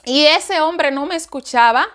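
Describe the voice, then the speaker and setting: A woman's voice: high voice, measured pace, fairly bright tone. A woman giving an emotional personal spiritual testimony, often repeating herself and acting out her own cries for help. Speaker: testimony speaker.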